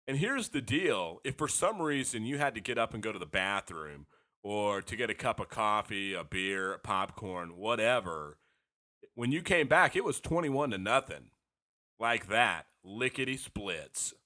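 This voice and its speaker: A man hosting a sports fan podcast, talking casually and frankly while hoarse from a cold. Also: fairly low pitch, sing-song, unhurried, bright, forceful tone. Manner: frank, rambling, self-deprecating fan talk. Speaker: podcast host.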